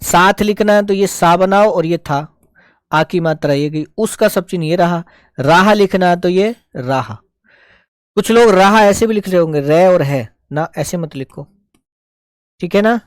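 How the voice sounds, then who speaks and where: A man's voice: high voice, unhurried, no echo. Patient man teaching shorthand, dry close sound. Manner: patient, explains step by step, addresses students as beta. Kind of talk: live online class.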